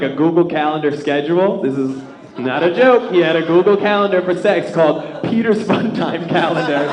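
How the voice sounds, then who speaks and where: A man doing live stand-up comedy, telling stories and working the crowd in an animated, self-deprecating, profane way. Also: a little high. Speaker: stand-up comic. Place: indoor comedy club stage before a live audience. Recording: echoey comedy club with audience. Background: audience laughter.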